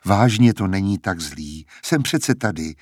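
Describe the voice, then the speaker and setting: A man voicing a battered, weary young man who speaks in quiet, tired reassurance. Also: deep voice, animated, breathy edge, dry recording, studio quality.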